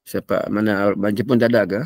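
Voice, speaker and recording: A man's voice: on the low side, little pitch movement, quick pace. An older man with a Malaysian Malay accent giving a morning religious lecture in a chatty, digressive way, breaking into Arabic recitation and coughing often. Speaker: religious teacher.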